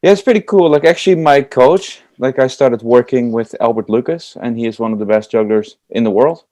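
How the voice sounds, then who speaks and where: Speaking a little fast in a mellow, medium-pitched voice, this young man from the Netherlands is a guest comedy juggler. With his Dutch accent he responds to interview questions eagerly and chattily, using lots of fillers, on a dry recording.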